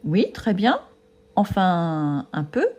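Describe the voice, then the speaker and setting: A woman's voice: on the high side, expressive, normal speed, warm tone. A woman voicing a struggling schoolboy who hesitates and stammers. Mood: hesitant. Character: struggling schoolboy turned teacher's pet.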